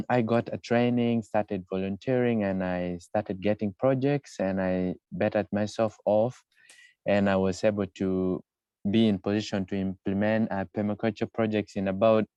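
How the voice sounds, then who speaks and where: A man from Uganda, speaking in a measured way with many pauses on a video call. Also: on the low side, warm tone, smooth, dry recording. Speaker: permaculture project leader. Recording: dull, muffled video call audio.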